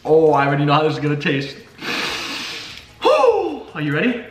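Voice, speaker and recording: A man in his twenties chatting as a challenge vlog host while eating sour candy, excitable and teasing. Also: a little high, moderate pace. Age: 20s. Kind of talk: casual challenge vlog chat. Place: home dining room, indoors. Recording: roomy echo with faint noise.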